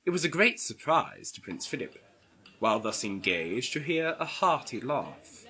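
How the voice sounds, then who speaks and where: A man's voice: mid-range voice, sing-song, normal speed, sharp tone, a little hiss or hum. A man narrating a comic parody of a classic story in a playful mock-Victorian manner.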